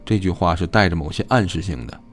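A man voicing a sharp, probing young woman in an audiobook, questioning pointedly. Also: deep voice, quick pace, soft background music.

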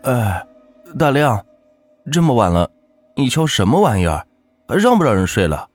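A man voicing a blunt, gruff village man who speaks plainly and bluntly. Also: medium pitch, lively intonation, a little fast, no room sound, soft background music, pitched above the performer's own voice. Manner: blunt, gruff rural talk. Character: grumpy blunt village man woken at night.

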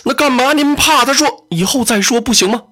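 A storyteller doing a brash, loud-mouthed warrior. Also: high-pitched, fairly quick, voice pushed up. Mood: brash, blunt. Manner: blunt, brash, blurting. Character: hot-headed, blunt male warrior, rough and loud.

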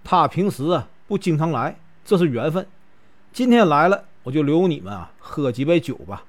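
A man's voice: on the high side, sing-song, moderate pace. A man with a Northeastern Mandarin accent voicing a scheming, greedy old matchmaker woman in a told story. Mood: coaxing. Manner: coaxing, plotting storyteller's quoting voice.

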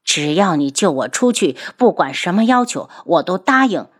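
A woman's voice: fairly low pitch, sing-song, moderate pace, breathy edge. A woman voicing an imprisoned princess who pleads urgently with her son to free her. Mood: pleading. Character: desperate imprisoned princess mother, ruthless.

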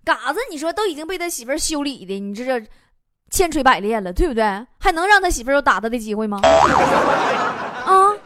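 A high, bouncy woman's voice, telling funny listener stories on a radio comedy show. Her pitch swings widely as she acts out the people in each story. The studio sound is close and dry. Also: a little fast, no echo. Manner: lively, laughs often, acts out quoted voices. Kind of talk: reading funny listener anecdotes.

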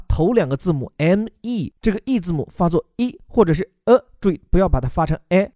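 Man explaining words in a mellow voice. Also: fairly high pitch, dry recording, clean studio sound. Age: young adult. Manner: explanatory, spells out words letter by letter. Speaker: English teacher explaining a news text. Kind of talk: podcast lesson mixing Chinese and English.

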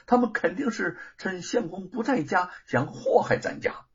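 A man's voice: fairly high pitch, very animated, measured pace, husky, lo-fi sound, heavily acted. A male storyteller voicing a bold, loving mother, firm and scornful toward her enemies, in a storytelling performance.

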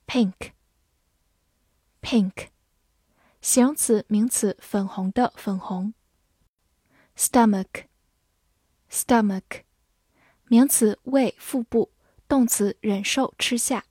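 A woman teaching English vocabulary, reading each word twice with its meanings in a measured scripted lesson. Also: on the high side, mellow, husky, no echo, clean studio sound. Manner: reads each word twice, then part of speech and meaning.

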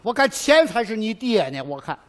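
An actor playing a muddled, fussy old man in a comic stage sketch, scolding and full of drawn-out sighs. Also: sits high, very animated. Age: older.

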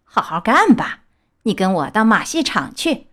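A woman's voice: mid-range voice, big pitch swings, normal speed, fairly bright tone. A woman voicing a bad-tempered, greedy circus master who scolds sarcastically, in a children's storybook reading. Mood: mocking.

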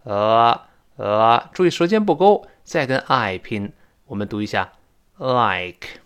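A man teaching English pronunciation in a lively, joking way, demonstrating sounds aloud. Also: mid-range voice, a little slow, clean tone. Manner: animated, jokey, demonstrates sounds. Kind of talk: lively spoken lesson.

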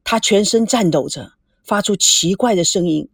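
A woman narrating a novel as an audiobook, expressive and voicing the young characters too. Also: mid-range voice, normal speed, gravelly, slightly rough, no room sound, studio quality.

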